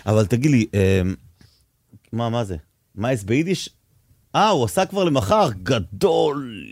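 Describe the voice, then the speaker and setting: A man hosting a casual radio interview in a studio, playful and quick to laugh. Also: medium pitch, no room sound. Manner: lively, playful, laughs often. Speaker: radio host.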